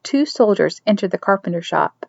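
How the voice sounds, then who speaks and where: A woman narrating a chapter of a novel in a steady storytelling manner, dropping to soft whispers for a character's thoughts. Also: medium pitch, normal speed, gravelly, dry recording. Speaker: audiobook reader. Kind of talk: scripted narration. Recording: dry, dull lo-fi recording.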